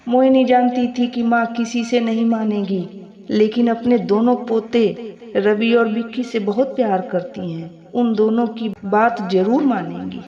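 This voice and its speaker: Brief: woman storyteller, slow moral-story narration, echoey and lo-fi. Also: fairly high pitch, fairly even intonation, warm tone. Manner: plain, moralizing telling. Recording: echoey, slightly muffled home recording.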